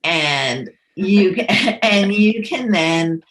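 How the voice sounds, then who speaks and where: A woman with a New York accent, a career coach answering questions in a relaxed, conversational way with frequent ums. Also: mid-range voice, very slow, roomy sound, a little hiss or hum. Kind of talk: live Q&A advice session.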